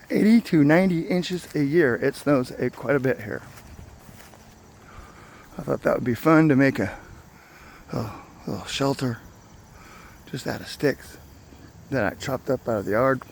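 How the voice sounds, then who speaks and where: Man giving casual outdoor tour, noisy background. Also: mid-range voice. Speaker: property owner giving a tour. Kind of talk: casual property tour narration. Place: outdoors on wooded rural land. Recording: clear outdoor background noise, insects.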